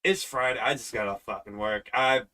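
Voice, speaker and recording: A man's voice: medium pitch, normal speed, pushed and bright, a little hiss or hum. A young man co-hosting a casual podcast, cursing freely and joking through the banter. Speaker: co-host.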